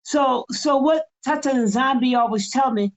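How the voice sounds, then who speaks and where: A woman's voice: high-pitched, measured pace, rough recording. An older woman co-hosting a spiritual talk show, speaking in an impassioned, pleading and repetitive way. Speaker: co-host.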